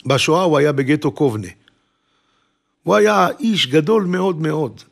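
A man's voice: fairly high pitch, gravelly. A man preaching a sermon, telling a story and acting out its characters. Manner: animated storyteller, acts out characters.

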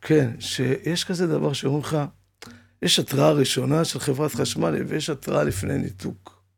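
A man's voice: a little high, fairly even intonation, creaky, slightly rough. A man telling his life story in an interview, with a dramatic manner that acts out the voices of the people in it. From Israel. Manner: dramatic retelling with acted-out quotes. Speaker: guest.

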